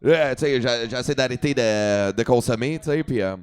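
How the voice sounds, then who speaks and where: A young adult man with a Quebec French accent, a comedian guest in a podcast studio at a comedy festival, tells a story casually. His voice is medium-pitched, clear and resonant at a moderate pace, and he swears freely while mixing in English.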